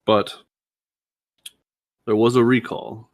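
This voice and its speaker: A man's voice: medium pitch, flat delivery, slow, no echo. A man playing a tabletop role-playing game who speaks in character and laughs often.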